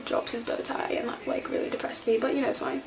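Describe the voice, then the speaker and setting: Brief: high-voiced woman, chatty rambling vlog rant, lots of "like". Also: flat delivery, fast talker, gravelly, music in the background, low-quality recording. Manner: rambling, many fillers and restarts. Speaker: vlogger. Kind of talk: casual fan rant to camera.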